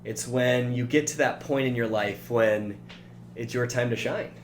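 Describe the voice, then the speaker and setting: A man's voice: medium pitch, measured pace. A man giving a motivational training talk as a coach, earnest and speaking straight to the listener. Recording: roomy with faint hum.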